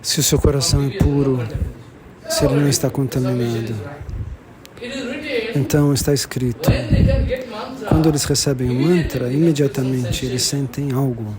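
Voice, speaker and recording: A man of middle pitch delivers a devotional lecture to a gathering. He often restarts and repeats phrases, slowing down to stress key terms. The sounds of the listening crowd come through clearly. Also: fairly even intonation. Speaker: religious lecturer.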